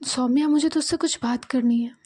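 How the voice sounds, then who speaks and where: A high-voiced young woman caught up in feelings she keeps hidden, read by a woman narrator. She muses softly and uneasily, and her tone is mellow and warm. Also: fairly even intonation, a little fast, slight background noise, close to an everyday voice. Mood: uneasy.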